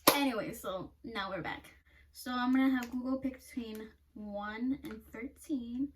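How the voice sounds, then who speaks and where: A woman's voice: on the high side, moderate pace. A young woman doing a casual makeup vlog, blunt and self-mocking, swearing freely and laughing at herself. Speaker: beauty vlogger. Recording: somewhat distant mic with faint noise.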